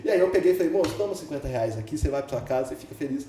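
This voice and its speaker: A man's voice: on the high side, animated, very fast, warm tone. A man with a Brazilian Portuguese accent, a podcast guest telling a story with energy, acting out the dialogue and laughing often. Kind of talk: animated storytelling. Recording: echoey room, mic at a distance, faint background hiss.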